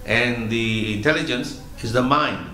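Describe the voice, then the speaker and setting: A man giving a religious lecture as a spiritual teacher, explaining slowly and patiently, often repeating words as he goes. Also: mid-range voice, roomy sound, low-quality recording.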